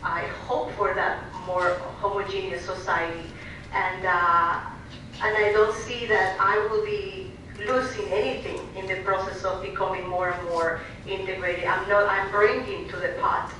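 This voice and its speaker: A woman's voice: medium pitch, flat delivery, pushed and bright. A woman from Venezuela, speaking earnestly as a panelist at a panel discussion and often restarting her sentences. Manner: earnest, halting with many restarts. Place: large hall at a public panel. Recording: distant echoey hall recording with noise.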